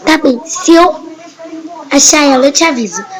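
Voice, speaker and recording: A woman voicing a soft-spoken, easily confused female pony who speaks quietly and hesitantly. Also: high-pitched, animated, moderate pace.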